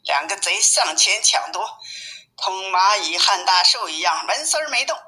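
A woman reading a classic tale aloud with lively, expressive storytelling. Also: medium pitch, moderate pace, poor audio.

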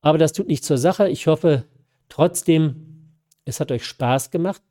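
A man reads a classic novella aloud live, sight-reading at an unhurried storytelling pace. His tone is mellow and dark, and his throat sounds a little scratchy. Between passages he talks to listeners in a relaxed, chatty way. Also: on the high side. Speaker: reader of a novella.

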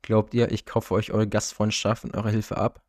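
A man's voice: on the low side, little pitch movement, moderate pace, no echo, clean studio sound, close to an everyday voice. A man voicing a cold, suspicious lord. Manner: cold, quietly threatening delivery.

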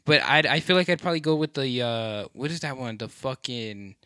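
A man's voice: medium pitch, a little fast, pushed and bright, no echo, clean studio sound. A young man chatting casually like a frat bro, full of slang, bro, dude and swearing. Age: young adult. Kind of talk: casual chat.

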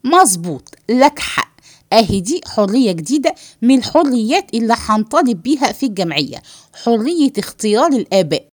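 A woman doing a low, wry Egyptian man. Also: very animated, a little fast, no room sound, studio quality. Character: dry, calm man, agreeable and wry.

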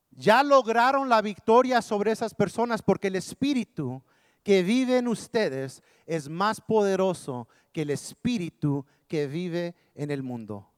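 A high-voiced man preaches with call-and-response, rising to loud cries and dropping to near-hushed lines. The sound is dry and close, with little room around it. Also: no room sound. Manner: call-and-response, switching between Spanish and English, shouting and hushing. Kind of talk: bilingual sermon.

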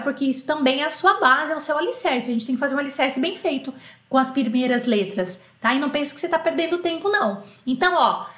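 A Brazilian woman with a Brazilian Portuguese accent teaching an online French lesson, explaining patiently and spelling out letters slowly. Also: high-pitched, a bit bright, echoey room.

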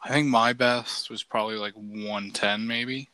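Bright-voiced man rambling casually. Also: on the low side, measured pace, no room sound, low-quality recording. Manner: relaxed, rambling, heavy use of "like". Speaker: podcast co-host. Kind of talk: casual chat.

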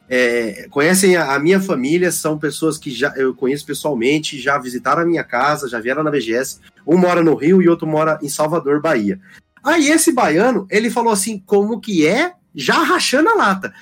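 A chatty man with a rolled countryside Brazilian R, speaking in a fairly high register. He tells his story animatedly and slips into voices for the people he quotes, with faint music under the talk. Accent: Brazilian countryside, strong rolled R. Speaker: podcast guest. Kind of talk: casual chat.

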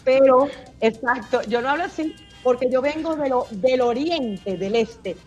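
A talkative woman with an eastern Cuban accent, her voice sitting a little high for a woman. She chats expressively through a radio interview and breaks into laughter often. Soft music plays faintly behind her. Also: unhurried. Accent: eastern Cuban Spanish. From eastern Cuba. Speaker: singer, interview guest. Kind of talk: casual radio interview chat.

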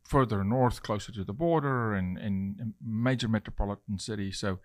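A man's voice: lowish voice, normal speed, no room sound, studio quality. A South African man in his forties from Johannesburg, hosting a podcast interview in a casual, conversational way. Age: 40s. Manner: conversational, restarts often. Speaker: podcast host.

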